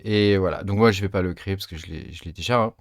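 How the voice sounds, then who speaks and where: Man from France, lowish voice, casual screen tutorial host, halting delivery full of fillers, dry close mic. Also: dry recording. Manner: hesitant, many fillers, talks while clicking. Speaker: crypto mining tutorial host.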